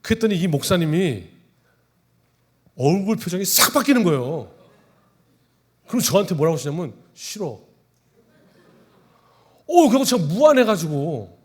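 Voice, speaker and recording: A male pastor preaches in a church in a loose, conversational way. He jokes and pulls the congregation into role-play. His voice sits a little high for a man. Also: big pitch swings, moderate pace, long pauses. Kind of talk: sermon. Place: church sanctuary.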